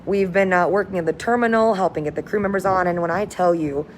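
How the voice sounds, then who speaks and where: An upbeat cruise director, a woman with a slightly low-pitched voice, chats casually to her viewers on a livestream. She sounds enthusiastic and informal, and there is clear ambient noise behind her. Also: quick pace. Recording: noticeable background noise, windy ambience.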